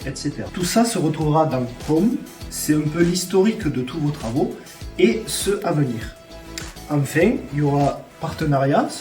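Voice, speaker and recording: A young man walks through a student app in a loose, halting way, filling his pauses with hesitations. His voice sits at an average pitch and rings in an echoing room, with faint music behind. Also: warm tone. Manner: loose, hesitant, many fillers. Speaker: student presenter. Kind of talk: app walkthrough. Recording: echoey room.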